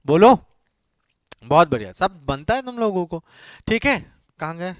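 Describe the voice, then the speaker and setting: A coaching teacher's high, light voice has a sing-song lilt and a slightly slow pace as he quizzes an exam-prep class, repeating a question again and again before answering it. He works English phrases into his speech; the sound is dry and close, free of room echo.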